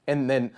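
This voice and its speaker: A young man co-hosting a podcast, telling a spooky story in a lively way, laughing and calling his friend bro. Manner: animated, laughing, says bro a lot. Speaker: podcast co-host. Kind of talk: casual chat, telling a scary anecdote.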